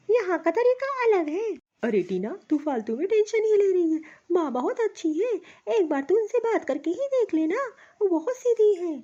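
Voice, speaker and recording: An easygoing young husband and son, voiced by a woman for a cartoon, always trying to smooth things over. The voice is very high yet mellow. The recording is dull and muffled. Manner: soothing, placating. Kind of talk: cartoon voice acting.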